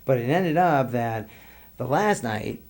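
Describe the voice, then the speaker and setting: A man's voice: mid-range voice, expressive, unhurried, darkish tone. A middle-aged man, a guest on a podcast, telling a long story in a rambling, profane way and laughing between lines. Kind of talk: casual storytelling.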